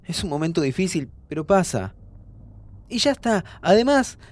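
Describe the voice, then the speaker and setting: A man's voice: sits high, big pitch swings, normal speed. An actor playing an ill young man with a Rioplatense Spanish accent who jokes and reassures his friend. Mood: reassuring. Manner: playful, soothing, tired. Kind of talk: audio drama acting.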